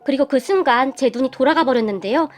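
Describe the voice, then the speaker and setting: A woman's voice: sits high, lively intonation, fast. A woman narrating a dramatic first-person story in a heated, emphatic way.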